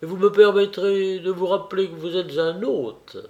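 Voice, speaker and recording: A man's voice: high-pitched, fairly even intonation, moderate pace, warm tone, lo-fi sound, voice pushed up. A man voicing a stern older man who speaks in a curt, reproachful way.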